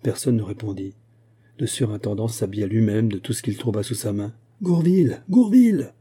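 A man narrating a classic novel aloud in a measured, steady storytelling voice. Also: lowish voice, breathy edge. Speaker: audiobook narrator. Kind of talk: audiobook narration.

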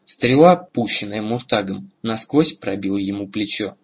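A man narrating a fantasy audiobook in a steady, dramatic storytelling manner, with a husky voice. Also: lowish voice, moderate pace, highs cut off. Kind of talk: scripted narration.

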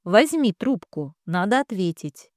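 A woman voicing a quiet, grieving young woman in an audiobook, speaking softly. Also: medium pitch, very animated, a little slow, no room sound, studio quality. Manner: quiet, subdued.

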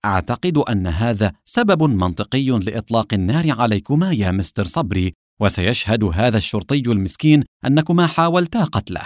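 A man's voice: on the low side, very animated, a little fast, no room sound, clean studio sound. A man voicing a cold, sarcastic, corrupt police inspector in an audiobook. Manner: cold, mocking.

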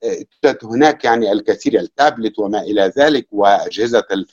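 Husky Egyptian man talking, lo-fi. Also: fairly low pitch, fast, a little mellow. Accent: Egyptian Arabic. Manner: reflective, with many fillers. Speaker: conference interpreter giving a talk. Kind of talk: lecture and casual Q&A.

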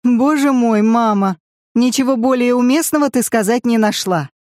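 A grown daughter mocks her relatives with scornful amusement, as a reader puts her on. The voice is raised and bright against the narration, recorded dry and close. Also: a little high, moderate pace, no echo, voice pushed up, natural voice. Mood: mocking. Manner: teasing, scornful.

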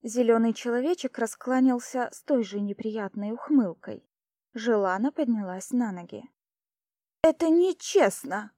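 A woman narrating an audiobook with steady storytelling reading. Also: fairly high pitch, moderate pace, no room sound, studio quality. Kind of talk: scripted narration.

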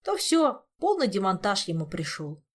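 A woman's voice: mid-range voice, sing-song, moderate pace. A woman reading an audiobook, voicing a hesitant young man who speaks in an unsure, pleading way.

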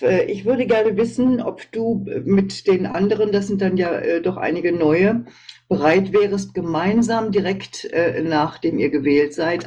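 Higher husky man asking questions. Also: darkish tone. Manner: polite, searching phrasing with fillers. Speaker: questioner in online meeting.

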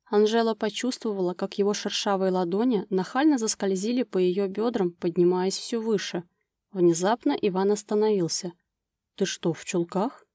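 A woman narrating a romance novel as an audiobook, with smooth, expressive storytelling. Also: mid-range voice, moderate pace, dry recording, clean studio sound.

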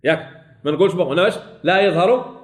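A Moroccan man with a rather high voice teaches a tajweed class. He stretches each sample word out slowly and repeats it. Between the examples he corrects his pupils and checks that they follow. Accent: Moroccan Arabic. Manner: slowly drawn-out sample words, repeated to students. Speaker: Quran recitation teacher.

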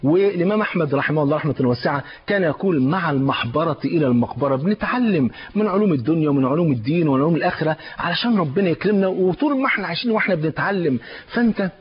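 A man's voice: fairly high pitch, rapid-fire, slightly rough. A male preacher with an Egyptian accent giving a colloquial religious lecture, joking and acting out small everyday scenes. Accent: Egyptian Arabic. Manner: lively, joking, acts out little scenes. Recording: dull lo-fi sound.

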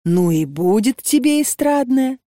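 A woman voicing a calm, persuasive old matchmaker woman who speaks gently and patiently. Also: on the high side, measured pace, no echo, studio quality, pitched above the performer's own voice. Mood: coaxing.

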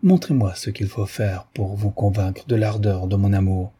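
A man reading the part of a pushy young gentleman pleading his love in a flowery, ardent way. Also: lowish voice, steady tone, normal speed, breathy edge.

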